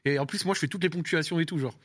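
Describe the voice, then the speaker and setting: Brisk, lively young-sounding man. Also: on the high side, dry recording, clean studio sound. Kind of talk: casual group chat.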